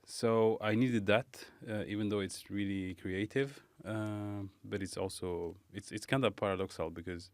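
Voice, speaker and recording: Male podcast guest, low voice, smooth and clear, dry close sound; hesitant, reflective delivery. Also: steady tone, no echo. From Morocco. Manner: thoughtful, halting, many fillers. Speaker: guest, pastry chef. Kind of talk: casual interview.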